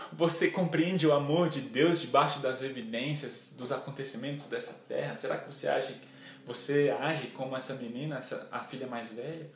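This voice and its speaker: A man preaching a sermon, earnest and full of questions to his listeners. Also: mid-range voice. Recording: echoey room.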